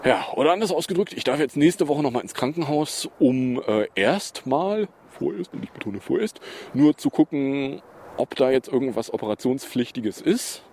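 A man's voice: medium pitch, lively intonation, moderate pace, darkish tone. A man hosting a casual personal podcast, talking in a chatty, rambling way with many fillers and self-corrections. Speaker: podcast host.

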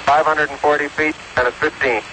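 A man speaking in brisk, clipped callouts over a crackly radio transmission. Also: fairly high pitch, fairly even intonation. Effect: crackly over-the-air radio transmission. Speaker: astronaut calling out readings. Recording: noisy archival radio link.

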